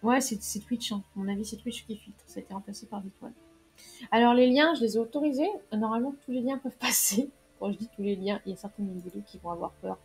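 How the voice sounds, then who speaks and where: A woman's voice: mid-range voice, fast. A young woman streaming a game, chatting casually, laughing often and reading chat messages aloud. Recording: faint game music behind.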